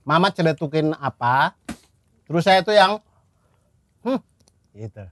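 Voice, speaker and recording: A man's voice: fairly high pitch, expressive, measured pace, fairly bright tone, no echo. A man in casual chat, retelling what happened with much expression and laughter.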